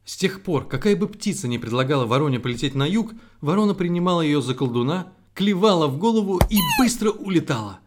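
Animated dad reading a fairy tale. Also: male voice, a little high, fast talker, few pauses. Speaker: storyteller dad.

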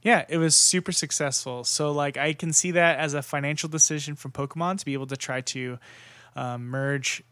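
A man's voice: fairly high pitch, steady tone, moderate pace, a bit bright, no echo. A young man hosting a podcast in casual chat, talking loosely with lots of fillers and restarts. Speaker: podcast host.

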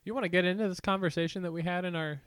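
Young male co-host from Northeast Ohio, local accent, deadpan and laid-back, dry close-miked sound. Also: sits high, rapid-fire, clear, resonant tone, no room sound. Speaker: podcast co-host. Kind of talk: casual chat.

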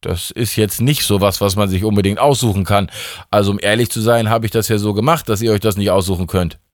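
A man's voice: fairly even intonation, quick pace, no room sound, clean studio sound, natural voice. A man playing a frazzled, drugged-up God. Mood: exasperated. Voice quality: rambling, exasperated, rising to a high pitch. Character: stressed drug-addled God, male, ancient, irritable.

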